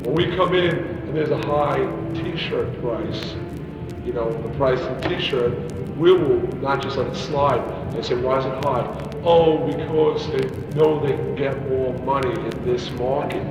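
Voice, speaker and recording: A man's voice: medium pitch, measured pace, music in the background. A man in his twenties, a band member, rambling in a casual interview. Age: 20s. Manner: rambling, restarts often. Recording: echoey hall with loud noise, mic far off.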